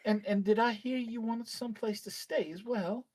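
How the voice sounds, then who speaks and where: A man's voice: high-pitched, steady tone, moderate pace, darkish tone, pitched above the performer's own voice. A man voicing a kindly, motherly female innkeeper with a folksy, chatty manner in a tabletop game. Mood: obliging.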